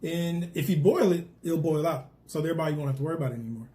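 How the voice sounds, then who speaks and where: Easygoing, slightly high-voiced man host. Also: racing. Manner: relaxed, joking, laughing through the facts. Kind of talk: casual food talk.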